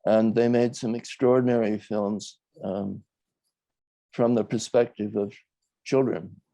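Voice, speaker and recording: An older man, a documentary filmmaker, talks reflectively in an interview, choosing his words in a thoughtful, measured and hesitant way. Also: lowish voice, fairly even intonation, gravelly, dark tone, no echo.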